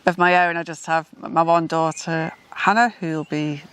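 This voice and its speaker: A middle-aged woman from Manchester, co-hosting a vlog in casual, measured chat. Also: deep voice, flat delivery, a bit bright, clear, resonant tone. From Manchester, England. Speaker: vlog co-host.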